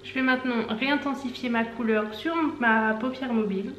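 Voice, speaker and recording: A woman in her twenties, a beauty vlogger talking through a makeup tutorial in a chatty way, with rambling asides and quick self-corrections. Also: a little high, fairly even intonation, a bit bright. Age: 20s. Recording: echoey room, faint background music.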